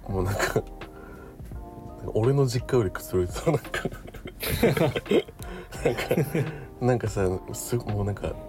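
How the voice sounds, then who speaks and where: Low-voiced man chatting casually over music. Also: normal speed, long pauses. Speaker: radio show co-host. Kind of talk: casual chat. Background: background music.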